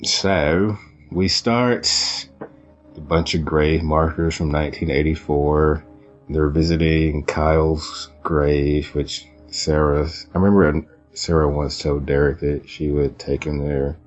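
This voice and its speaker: A man's voice: a bass voice, fairly even intonation, takes it slowly. A man hosting a podcast in natural, unscripted talk, casually recapping an episode with asides. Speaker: podcast host. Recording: dull lo-fi sound, music behind.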